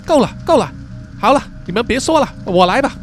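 A man voicing a trembling teenage student who forces himself to sound calm, over soft background music. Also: sits high, fairly quick. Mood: tense. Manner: shaky, then bravely dismissive.

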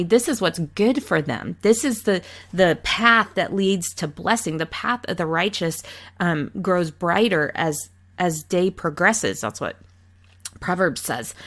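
Earnest woman author, lowish voice. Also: fairly bright tone. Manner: earnest, fluent with some restarts. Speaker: author guest. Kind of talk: interview answers.

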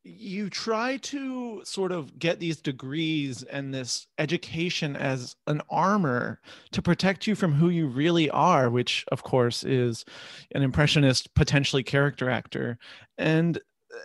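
A playful man co-hosting a comedy podcast, his voice sitting a little high for a man. He talks in loose, joking chat with quick asides. The recording is close and dry, with no room sound. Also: lively intonation, dry recording. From lived in the American South. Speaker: podcast co-host.

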